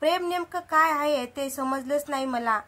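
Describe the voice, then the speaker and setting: A woman's voice: sits high, moderate pace, bright, forceful tone. A woman voicing a remorseful young man who tells of his mistakes in a storybook tale. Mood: sad.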